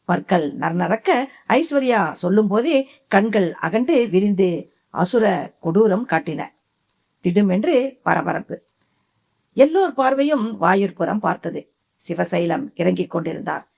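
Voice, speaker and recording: A woman narrating a suspense audiobook in a slow, dramatic reading style. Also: mid-range voice, expressive, gravelly, darkish tone. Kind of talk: scripted narration.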